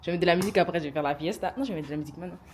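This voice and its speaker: A young woman chatting casually to her camera in an excitable vlog, talking to herself as she goes. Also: on the low side, very fast, a little hiss or hum. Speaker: vlogger. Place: hotel room, later rooftop pool. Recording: loud music behind.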